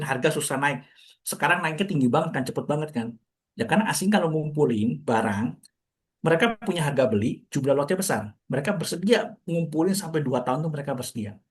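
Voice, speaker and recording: A man talks through market ideas in relaxed conversation, throwing out questions and answering them himself. His voice sits somewhat higher than most men's and his words come quickly. He sounds like a commentator addressing a room of listeners. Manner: chatty, explaining with rhetorical questions. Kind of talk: casual market talk to an audience.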